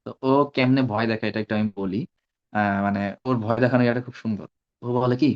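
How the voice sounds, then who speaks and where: A man leads an online Arabic pronunciation class, repeating syllables and coaching students by name. His voice is mid-pitched. The call audio sounds a little muffled. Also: fairly even intonation. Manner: drills sounds slowly, corrects students by name. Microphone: video call.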